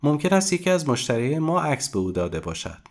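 A man reading a story aloud and voicing a busy, irritable crook in glasses with a loud, hoarse voice. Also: a little high, sing-song, pitched above the performer's own voice. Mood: thoughtful.

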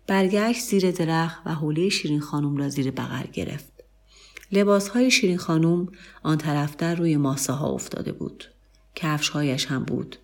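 A woman narrating a literary story in a calm, measured reading voice. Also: deep voice, vocal fry.

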